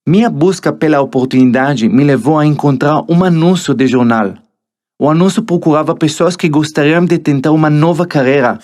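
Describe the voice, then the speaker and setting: A man's voice: on the high side, darkish tone. Israeli man narrating his motivational audiobook. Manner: motivational, addresses the listener directly. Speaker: author narrating his own book.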